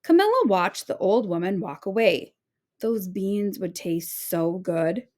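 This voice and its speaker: A woman teacher reads a children's story aloud, narrating expressively. Her voice sits in the mid range, and she takes an unhurried pace.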